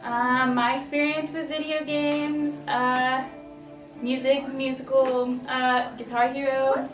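High-voiced young woman, echoey room. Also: little pitch movement, slow. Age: young adult. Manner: hesitant, with fillers. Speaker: music education student. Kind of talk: interview. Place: small room with cabinets. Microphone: camera mic at a distance. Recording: echoey room, distant mic, faint music.

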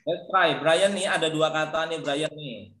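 A man's voice: a little high, a little slow, a bit bright, roomy sound. Encouraging man teaching online. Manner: encouraging, calls on students by name. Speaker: lecturer. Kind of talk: online English pronunciation class. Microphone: video call.

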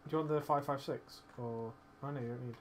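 A man's voice: mid-range voice, steady tone, brisk, slight background noise. Man swearing through casual game chat. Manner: swearing, joking banter. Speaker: streamer.

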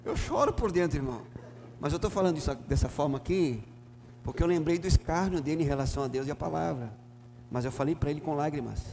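A pastor with a gaúcho accent from southern Brazil teaches a Bible lesson, his fairly high voice turning forceful on the verses and quiet on the warnings. The room rings with a long church-hall reverb over a faint electrical hum. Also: fast talker, vocal fry. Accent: southern Brazilian, Rio Grande do Sul. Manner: emphatic, swings from loud to soft, dramatizes dialogues.

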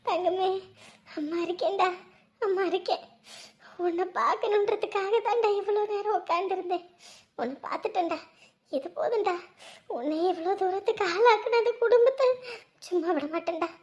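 A woman's voice: very high-pitched, normal speed, pauses often, darkish tone. A woman playing a village mother who sobs and wails as she talks. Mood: tearful relief. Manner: tearful, wailing, sobbing through her words. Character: grieving village mother at her son's hospital bed. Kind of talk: emotional village drama acting.

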